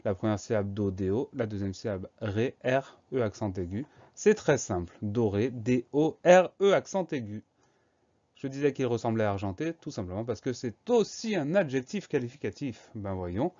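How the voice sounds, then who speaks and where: A man teaching a French spelling lesson, going through each word slowly and spelling it out letter by letter. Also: mid-range voice, expressive, mellow, highs cut off. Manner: slow, methodical, spelling words letter by letter.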